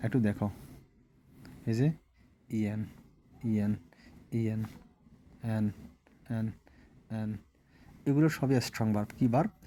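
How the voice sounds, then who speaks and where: A man's voice: lowish voice, takes it slowly, pauses often, dark tone, a little hiss or hum. Man chanting verb drills. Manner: repetitive chanting of word lists, frequent "all right?" checks. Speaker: English teacher. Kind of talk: classroom lesson, drilling verb forms aloud.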